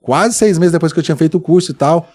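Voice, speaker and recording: Fast-talking Brazilian man telling stories. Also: on the high side. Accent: Brazilian Portuguese. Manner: animated, acts out dialogue in his stories. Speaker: guest. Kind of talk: storytelling in a casual podcast interview.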